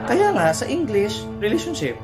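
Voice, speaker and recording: A man's voice: high-pitched, huge pitch swings, normal speed, reverberant, loud music behind the voice, a loud crowd. A man performing a playful comic sketch, talking in a teasing, singsong way. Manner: playful, singsong apologizing to mother.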